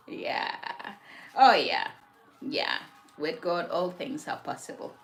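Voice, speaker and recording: A Ghanaian woman hosts a casual livestream from home, reflecting on faith and responding to viewers' comments. Her lowish, gravelly voice swings widely in pitch, and she draws out her words.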